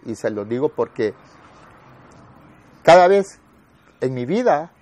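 A man in his sixties with a Salvadoran accent, an army veteran telling his story lively and acting out the voices of others. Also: mid-range voice, slow. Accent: Salvadoran Spanish. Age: 60s. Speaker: war veteran interviewee. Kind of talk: spoken war memoir.

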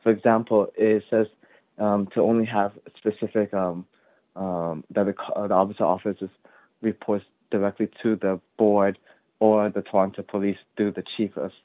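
A man's voice: lowish voice, flat delivery, normal speed, dry recording. A man calling in over a conference call to give public comment at a board meeting, hesitant and full of ums and likes. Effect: conference call audio. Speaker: member of the public making a deputation. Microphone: remote call-in. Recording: tinny dry conference call line.

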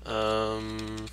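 A man's voice: lowish voice, a bit bright, slight background noise. A man hosting a gaming channel who sounds slightly sick, rambling casually and muttering to himself as he plays. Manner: rambling, talks to himself while playing. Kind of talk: casual gameplay commentary.

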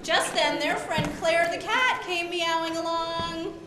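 A woman telling a children's story on stage, animated, feeding lines for children to repeat. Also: very high-pitched, unhurried. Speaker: storyteller leading children in a show. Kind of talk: read-aloud children's story performance. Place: stage in an echoey hall with live audience. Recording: echoey hall, loud crowd and noise.

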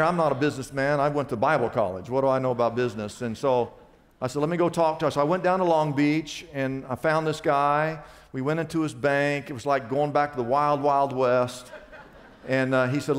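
Male pastor, lively sermon storyteller, slightly high voice, long church-hall reverb. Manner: animated storyteller, rises to loud excited peaks.

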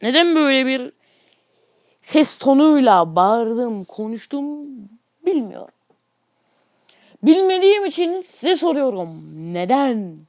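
A man giving casual, excitable commentary on a mobile game, grumbling at the game and chatting to his viewers. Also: very high-pitched, no echo, studio quality. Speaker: gaming YouTuber.

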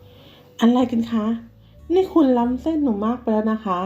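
A young woman voicing a spoiled, sulky daughter who talks back sharply at a higher pitch, with faint music behind. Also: animated, moderate pace, lightly acted. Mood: resentful. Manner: sharp, resentful, raised pitch. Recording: slightly dull, faint music.

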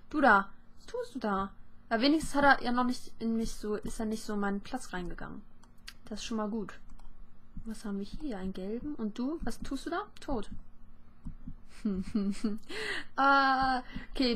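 A young woman giving lively, chatty commentary while playing a game, talking to her viewers and opponents. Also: a little high, slight background noise. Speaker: gaming YouTuber. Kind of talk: casual let's play commentary.

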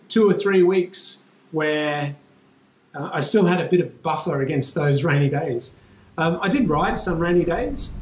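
Australian man, 30s, relaxed chatty vlogger with lots of ums; slightly high voice, recorded on a camera mic in an echoey garage. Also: a little hiss or hum. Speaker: cycling vlogger. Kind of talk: casual talk to camera. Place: small garage or shed with bikes, indoors. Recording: echoey small room, faint ambience.

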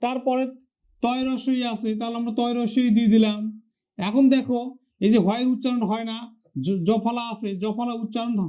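A man teaching a lesson, patiently asking questions, answering them himself and repeating words slowly for pronunciation drills. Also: extremely high pitch, flat delivery, warm tone. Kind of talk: classroom-style lesson.

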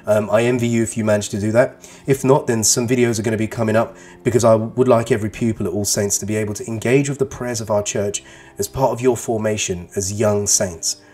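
This East London teacher, a man in his thirties and a native Arabic speaker from England, has a fairly low, slightly mellow voice, fairly even intonation, and a somewhat quick pace. His voice-over religious lesson for pupils plays over faint guitar and leans on emphatic, persuasive repetition.

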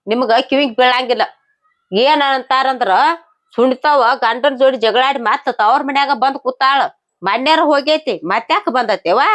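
A woman with a North Karnataka Kannada accent playing a sharp-tongued wife who argues and scolds in a quarrel. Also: high-pitched. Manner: argumentative, defensive, scolding. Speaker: wife in a comedy skit.

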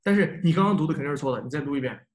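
A man's voice: a little high, very fast. A man teaching a speaking-test class, patiently correcting a student's pronunciation by modeling words again and again and switching between Mandarin and English. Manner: patient, repeats phrases, relaxed reassuring tone. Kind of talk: live speaking-class coaching.

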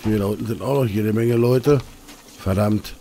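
A man's voice: on the low side, moderate pace, dark tone. Casual man commenting on gameplay. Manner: casual, muttering to himself, cursing. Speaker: let's play streamer.

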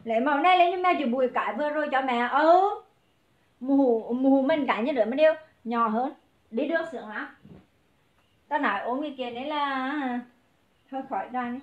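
A woman selling clothes on a livestream, briskly calling out prices and greeting viewers by name. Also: sits high, roomy sound, muffled recording. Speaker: online clothing seller. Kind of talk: livestream sales pitch.

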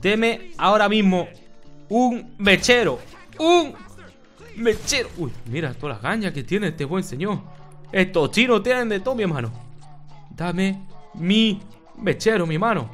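A man's voice: high-pitched, expressive, measured pace, long pauses, a bit bright, faint music behind. A man voicing a stoned, rambling drug-addict character who swears a lot, as comic commentary over gameplay. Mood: goofy, rambling. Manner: rambling, swearing, keeps calling people "my brother". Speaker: gaming YouTuber in character.

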